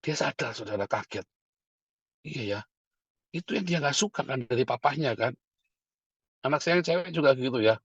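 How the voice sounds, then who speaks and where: A man's voice: medium pitch, lively intonation, a little fast, fairly bright tone, breathy edge, no room sound, dull audio. A middle-aged man, a pastor, preaching a sermon and calling to his listeners as brothers and sisters.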